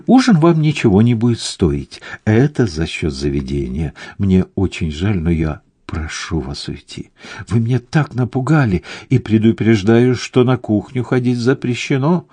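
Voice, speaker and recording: A man voicing a nervous restaurant owner who talks quickly and in a hushed, fretful voice. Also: fairly low pitch, lively intonation, husky, dry recording, voice pushed up. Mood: anxious. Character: anxious male restaurant owner, nervous and hurried.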